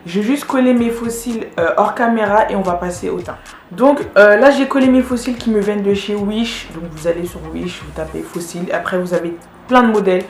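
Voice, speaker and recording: A beauty vlogger chats casually through a get-ready-with-me video as she does her makeup, using lots of fillers. Her medium-pitched voice is a little fast, the sound is roomy, and faint music plays behind her.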